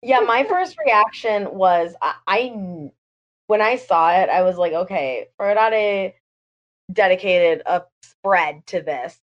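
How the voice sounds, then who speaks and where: A woman on a podcast, telling her reactions in an animated way and acting out what she thought. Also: mid-range voice, takes it slowly. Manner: animated storyteller, quotes her own reactions. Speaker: podcast panelist. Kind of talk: casual podcast chat. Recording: dull lo-fi mic.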